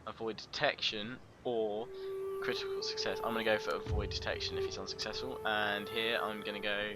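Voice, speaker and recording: A man's voice: on the low side, very animated, brisk. A man casually narrating his strategy game campaign, rambling, joking at himself and stumbling over foreign names. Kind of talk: casual let's play commentary. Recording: game music behind the voice.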